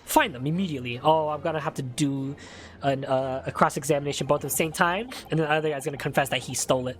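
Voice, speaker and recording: A man's voice: on the high side, steady tone, quick pace, a bit bright. A man streaming a game, giving casual commentary as he plays and reads along. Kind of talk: casual playthrough commentary and read-aloud.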